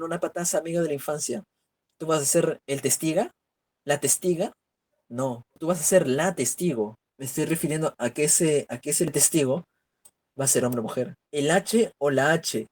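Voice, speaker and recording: During a virtual grammar lecture, a man with a slightly high, darkish voice works through examples and raises rhetorical questions. The sound comes from a computer mic on a video call.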